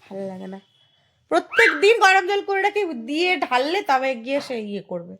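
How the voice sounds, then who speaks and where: A woman's voice: high-pitched, very animated, fairly quick, a bit bright. A woman talking to her baby at home, filming a casual family vlog on a phone in a dim bedroom with playful, coaxing baby talk. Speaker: vlogger mother.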